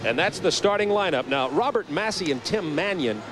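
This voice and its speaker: A man's voice: on the high side, animated, fairly quick. An American man calling live football play-by-play as a television announcer. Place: outdoor football stadium. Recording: noisy outdoor stadium broadcast.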